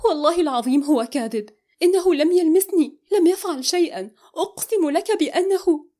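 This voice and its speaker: A woman's voice: very high voice, lively intonation, a little fast, mellow, pitched above the performer's own voice. Pleading upset young woman, read by a woman. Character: distressed young woman, pleading her innocence.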